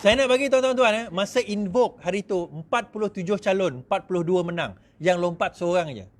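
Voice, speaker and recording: A middle-aged man with a Malaysian accent, giving an animated speech to supporters, mimicking others in quick asides and laughing often. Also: high voice, slight background noise. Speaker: politician speaking to supporters.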